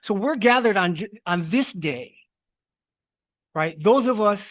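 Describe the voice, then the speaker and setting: High-pitched man, fiery revolutionary orator. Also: lively intonation, no echo. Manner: fiery revolutionary oratory, emphatic, with deliberate pauses and repetition. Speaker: activist delegate and co-moderator. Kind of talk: political speech at an online rally. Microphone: remote video call. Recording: dull lo-fi online call audio.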